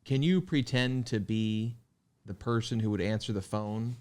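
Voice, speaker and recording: A man co-hosting a podcast in casual chat, curious and full of quick questions. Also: lowish voice, a little mellow, smooth. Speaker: podcast co-host.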